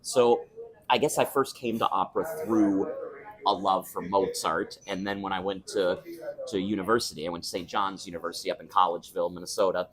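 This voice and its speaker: Over crowd noise, a young man who sings opera chats thoughtfully as a guest in a casual restaurant interview. He speaks low, with a steady tone and a slightly fast pace.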